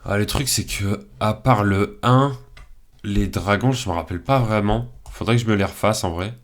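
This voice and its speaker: A man's voice: on the low side, normal speed. A man hosting his channel, chatting casually as he picks between films, thinking aloud with frequent hesitations and fillers. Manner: relaxed and candid. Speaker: channel host. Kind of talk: casual commentary while picking films.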